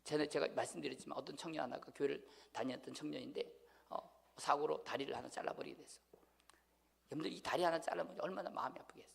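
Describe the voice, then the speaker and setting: A man preaches in a church, his voice high and gravelly with lots of fry. He swings from ringing exhortation down to near-whispered asides and keeps asking the congregation questions. The sound carries a long hall reverb. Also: steady tone, fast talker. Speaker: pastor. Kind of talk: sermon. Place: church sanctuary.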